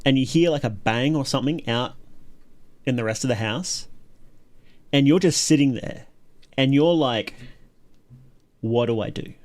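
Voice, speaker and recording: A livestream host reacts to videos with casual, enthusiastic commentary, repeating things for emphasis. His mid-range voice is unhurried and he pauses often.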